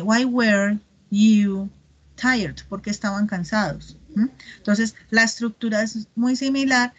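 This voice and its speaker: A woman teacher, explaining grammar at a middling pitch. She checks in often with her class and spells out the English examples slowly. The recording sounds dull and lo-fi. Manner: patient, checks understanding with frequent "¿listo?" and "¿mm?". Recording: dull lo-fi audio.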